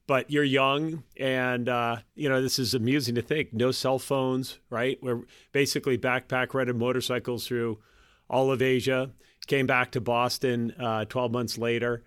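Male podcast guest in his 50s, self-deprecating, halting, dry sound. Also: medium pitch, little pitch movement, smooth, dry recording. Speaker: guest, private equity partner. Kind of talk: casual podcast interview.

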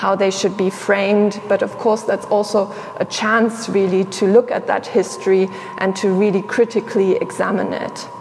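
A young woman curator who grew up in Sierra Leone and Tanzania, speaking in a measured, reflective way with many pauses in an interview. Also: medium pitch, flat delivery, darkish tone. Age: young adult. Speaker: museum curator, guest. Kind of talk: thoughtful interview conversation. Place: exhibition space indoors. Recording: reverberant hall with faint noise.

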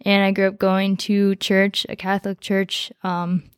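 A teenage girl, a high school senior who grew up in the United States, tells her story in a relaxed, rambling way with many fillers as a podcast guest. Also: unhurried, clean tone, dry recording, clean studio sound. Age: teens. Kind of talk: casual conversation, personal story.

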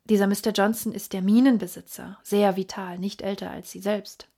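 A woman reading an audiobook, voicing a polite, obliging male hotel desk clerk with a husky voice. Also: mid-range voice, fairly even intonation, moderate pace, mellow, close to an everyday voice.

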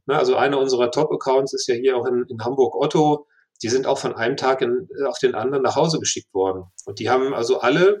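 A man, a sales director, answering questions in a business interview, often restarting and repeating words as he thinks. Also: medium pitch.

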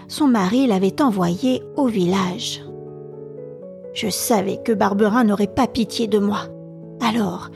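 A woman narrating a classic novel slowly and deliberately as a storytelling podcast host. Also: mid-range voice. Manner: slow, soft and deliberate.

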